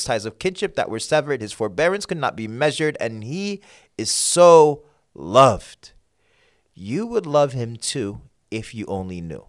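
A man's voice: medium pitch, fairly bright tone. A man from Sudan, a podcast guest, delivering a rhythmic rhyming spoken-word poem and chatting casually. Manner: rhythmic, rhyming delivery building to emphatic peaks.

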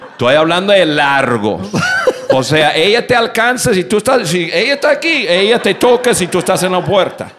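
A man tells comic stories from his own life, his voice sitting a little high and swinging widely in pitch. He acts out the shouting moments and laughs along with his own tales. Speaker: speaker on communication. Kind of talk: storytelling talk to an audience.

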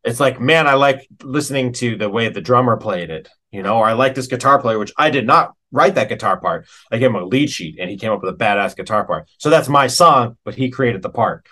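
Talking fairly quickly with few pauses, a middle-aged American man in a medium pitch spins animated, colloquial stories while chatting casually as an interview guest.

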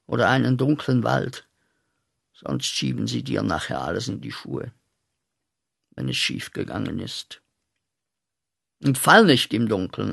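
An actor playing a bitter young man back from the war in a radio play, who accuses God in a voice that swings from muttering to shouting. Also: mid-range voice, creaky, breathy edge, exaggerated voice.

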